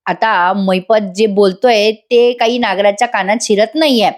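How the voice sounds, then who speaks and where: A young woman, a TV serial reviewer, narrates a voice-over episode review in a chatty style and addresses viewers directly. Her voice is medium-pitched and steady, at a normal speed.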